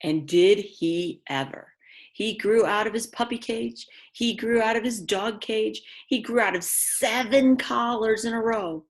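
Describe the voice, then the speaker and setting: A woman's voice: fairly high pitch, a little slow. A woman teacher reading a children's book aloud, speaking expressively and directly to young listeners with chatty, simple asides.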